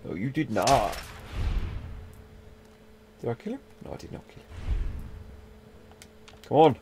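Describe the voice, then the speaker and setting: A man's voice: mid-range voice, lively intonation, unhurried, background noise. A young man chatting casually through a let's-play, swearing mildly and talking to the game's characters. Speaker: gaming video host.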